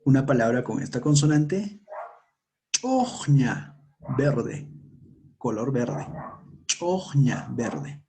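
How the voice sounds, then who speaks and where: Slow, patient man drilling pronunciation. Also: mid-range voice, dark tone, a little hiss or hum. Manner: drills sounds slowly, repeating words and prompting the learner. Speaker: language teacher.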